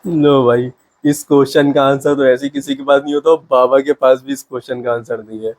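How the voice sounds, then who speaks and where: A man's voice: medium pitch, flat delivery, brisk, darkish tone. A young man giving comic reaction commentary in a casual, amused, disbelieving way, often laughing. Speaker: reaction video host.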